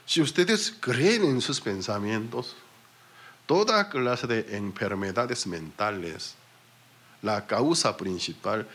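A male pastor with a Korean accent delivers a sermon in a husky voice. His pitch rises and falls with energy, and his storytelling pokes fun at himself. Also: expressive, takes it slowly, a bit bright. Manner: storytelling, self-mocking, with small slips.

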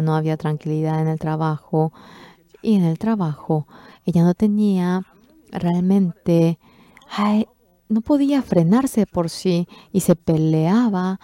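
In a dry recording, a woman renders a sermon testimony as an interpreter. Her delivery is expressive, with quoted speech performed through abrupt pitch jumps.

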